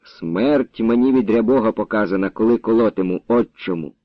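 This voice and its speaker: A man voicing a sleepy, gentle young village lad who talks in a mild, drowsy way. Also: fairly low pitch, brisk, no room sound, close to an everyday voice. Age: young adult. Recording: dull, dry recording.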